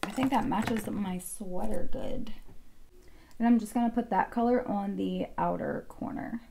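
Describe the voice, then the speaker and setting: A woman in her thirties talks her way through a makeup look, musing aloud and hedging between shades in an easy, rambling way. Her voice sits in a medium pitch. A faint hiss and some clicks run under the recording. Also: a little slow, creaky, warm tone. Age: 30s. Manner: rambling, thinking aloud, filler-heavy. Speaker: beauty vlogger. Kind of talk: casual makeup tutorial chat.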